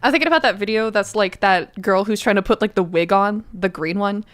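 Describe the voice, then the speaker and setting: A woman's voice: mid-range voice, a little fast. A bubbly woman chatting casually on a stream over a voice call, laughing a lot and swearing casually. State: sore throat from a loud laugh. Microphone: online voice call.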